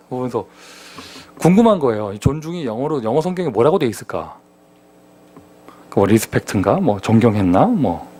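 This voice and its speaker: A man preaching a sermon as pastor, in a lively conversational manner full of rhetorical questions. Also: mid-range voice, breathy edge. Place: church sanctuary.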